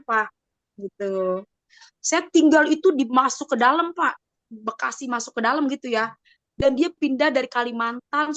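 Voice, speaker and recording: A woman's voice: a little high, pushed and bright, dry recording. A woman giving a personal testimony on a video call, telling her story with animation and acting out the voices of others.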